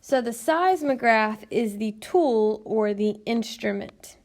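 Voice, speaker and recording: A woman teacher narrating a recorded lesson in a patient, explanatory way, often pausing with "um". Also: a little high, expressive, darkish tone. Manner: patient, explanatory, frequent "um" fillers. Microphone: tablet screencast mic.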